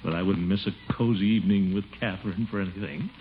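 A man's voice: sits low, fairly even intonation, quick pace, a little hiss or hum, lightly acted. A man playing a pompous, jovial middle-aged city official in a 1940s radio comedy, chuckling and blustering, and crooning a ballad. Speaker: lead character singing a ballad. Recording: dull old radio broadcast with loud music.

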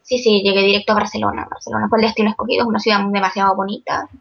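A young woman from Venezuela, a guest illustrator in a casual interview, chatty and quick-talking. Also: mid-range voice, fairly even intonation, gravelly, breathy edge, muffled recording.

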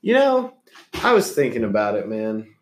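A nineteen-year-old man co-hosting a podcast in a casual comedic chat, deadpan and going along with the joke. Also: lowish voice, normal speed. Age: late teens. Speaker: podcast co-host.

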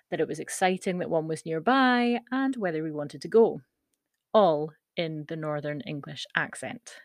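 A woman's voice: lowish voice, no echo, studio quality. A woman in her thirties with a Scottish accent, hosting a podcast and reading her own personal essay in a wry, playful way. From Scottish Highlands. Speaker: podcast host.

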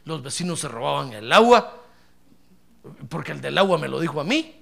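A middle-aged man preaches with a high, very bright voice and a gravelly edge. He tells stories in a lively, sweeping way. He calls his listener brother and moves from near-whispers to loud praise. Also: normal speed. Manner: animated storytelling, addresses listener as brother, swings from hushed to shouting. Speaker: pastor. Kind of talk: sermon with anecdotes.

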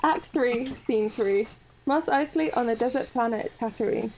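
A woman reading stage directions and verse narration for an amateur table read, brisk and cheerful. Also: on the high side, darkish tone, slight background noise, low-quality recording.

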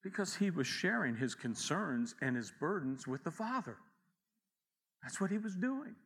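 A man preaches in a bright, forceful voice with a fairly high pitch. His delivery is conversational, full of asides and acted-out quotes. A long reverb trails each phrase, as in a large church hall. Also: very animated, moderate pace, husky. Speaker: pastor. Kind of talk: sermon.

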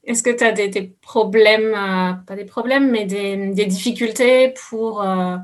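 A woman's voice: medium pitch, fairly even intonation, a little slow. A woman interviewing a guest, asking long, rambling questions with fillers and restarts. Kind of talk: casual interview.

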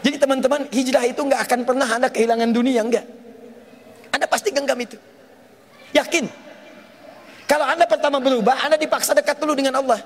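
A high-voiced male preacher tells a story in his sermon, animated and quick to turn questions on his listeners. His voice carries a long hall reverb. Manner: animated, addresses audience with questions.

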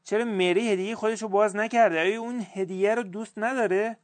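A man's voice: sits high, fairly even intonation, pitched above the performer's own voice, natural voice. A man voicing a curious, upset young boy who asks questions insistently.

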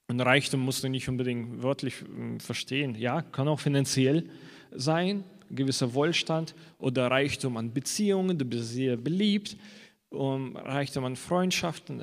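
A man preaching a sermon in a hall with a long, trailing reverb. His voice sits at an ordinary middle pitch. He talks earnestly and slows down to quote scripture.

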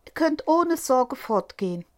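Woman doing high little goat kids. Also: big pitch swings, measured pace. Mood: wary insistent. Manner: high, bright childlike chorus voice. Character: seven little goat kids, young and frightened.

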